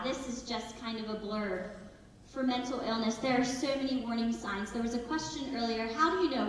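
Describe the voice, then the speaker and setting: An earnest school presenter in her thirties addresses parents in the auditorium, chatting conversationally and occasionally acting out how families talk. Her voice is a little high. The device is far from her, the hall is echoey, and a little hiss or hum comes through.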